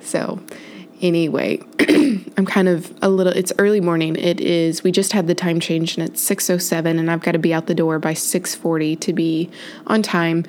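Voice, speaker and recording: Early in the morning, a woman hosting her own podcast rambles through a chatty solo life update, correcting herself and sounding stuffy and congested. Her voice is fairly low and darkish with a steady tone at normal speed, and there's a little hiss or hum.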